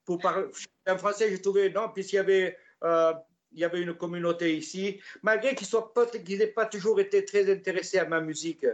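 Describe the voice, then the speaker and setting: Older Gascon-accented man, slightly high voice. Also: fairly even intonation, a little fast. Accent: Gascon French. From Gascony, France. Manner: rambling, many hesitations and restarts. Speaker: interviewee. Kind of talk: casual storytelling interview.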